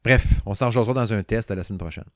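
Young man, Quebec French accent, excitable game reviewer, rambling slangy chat, dry close sound. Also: on the low side, fast talker, dry recording. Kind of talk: casual gaming chat.

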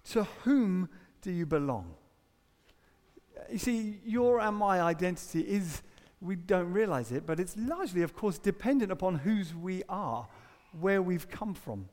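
Man preaching in an echoing hall. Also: high voice. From Britain. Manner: conversational, rhetorical questions, quick asides. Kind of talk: sermon. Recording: long hall reverb.

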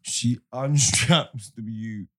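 A man with a London roadman accent telling stories in street slang, casual and animated, repeating phrases for emphasis. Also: mid-range voice, drawn-out words, no echo. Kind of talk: casual podcast banter.

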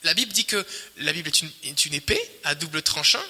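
Male pastor, high and very bright voice, emphatic repeating sermon delivery, long hall reverb. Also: fast talker, husky. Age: adult, married. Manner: emphatic, repetitive preaching with swells and quiet drops.

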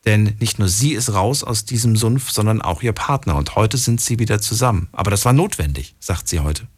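A man's voice: lowish voice, lively intonation, normal speed, darkish tone, slightly rough. A man hosting a late-night radio call-in show, eagerly asking his caller probing questions.

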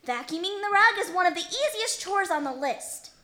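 A woman's voice: very high-pitched, expressive, normal speed, sharp tone, full character voice. A woman voicing a bossy young boy who is easily flustered, with a whiny, exasperated way of talking.

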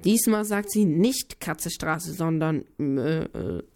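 A woman's voice: sits low, animated, unhurried, a little mellow. A woman telling a children's story as a playful back-and-forth, cutting in to twist the plot.

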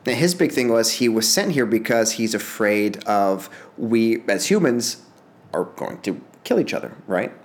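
Rambling animated man telling a story. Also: on the low side, measured pace. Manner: rambling, animated, acts out quotes in raised voices, laughs often. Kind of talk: casual storytelling chat.

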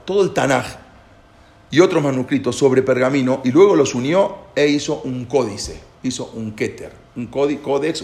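A man's voice: mid-range voice, creaky. Man lecturing in an echoey room. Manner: explains with questions to listeners, repeats and restarts. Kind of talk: informal lecture. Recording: echoey room with faint background noise.

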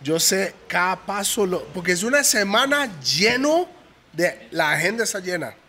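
A man's voice: high voice, sing-song, normal speed, sharp tone. A man with a Costa Rican accent, hosting a casual podcast and talking emphatically, repeating himself. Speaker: podcast host.

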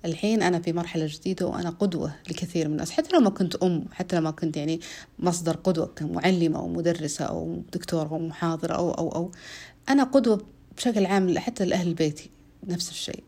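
Woman in her 30s talking solo on a podcast, quick, repeats herself a lot. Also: on the low side, dark tone, slightly rough. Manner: earnest, repeats herself, pauses on drawn-out fillers. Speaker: podcast host.

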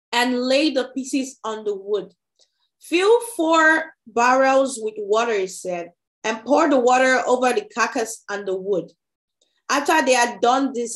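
Slow, deliberate woman reading scripture. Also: fairly high pitch. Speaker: Bible study leader.

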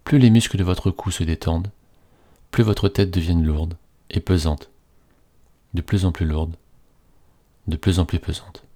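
A man reading a scripted guided relaxation in a slow, soothing, hypnotist-like manner with repetitive phrasing. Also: low-pitched, fairly even intonation, warm tone.

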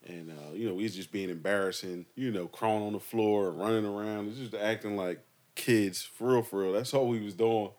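A young man co-hosting a podcast in casual chat, telling animated childhood stories in loose slang. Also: on the low side, a little fast. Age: young adult. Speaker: podcast host.

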